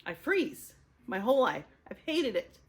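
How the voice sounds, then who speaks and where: A woman's voice: a little high, big pitch swings, unhurried. A woman in her fifties sharing a personal testimony, speaking candidly and with emotion, often laughing through hard memories.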